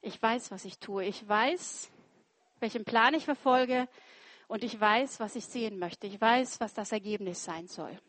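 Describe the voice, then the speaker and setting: A woman preaches an informal sermon in a fairly high, bright-edged voice, recorded close and dry. She talks to her listeners conversationally, tossing in little tag questions. She reads scripture aloud and brings quoted speech to life. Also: measured pace, dry recording. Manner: acts out quoted speech with lively shifts.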